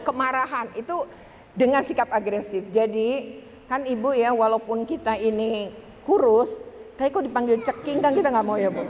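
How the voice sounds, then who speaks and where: A woman speaking to a room of teachers at a workshop, lively and chatty as she addresses the audience directly. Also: fairly high pitch. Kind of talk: presentation to an audience. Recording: reverberant hall, faint background noise.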